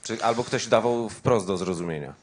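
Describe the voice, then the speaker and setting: Low-voiced male reporter, hesitant. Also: normal speed, a little hiss or hum. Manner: hesitant, rephrasing as he goes. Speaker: journalist. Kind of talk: press conference question.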